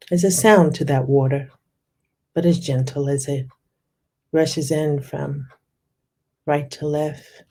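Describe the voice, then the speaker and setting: A meditation guide with a medium-pitched voice walks listeners through a guided visualization, gentle and calming in tone, taking her time and dwelling on each descriptive word.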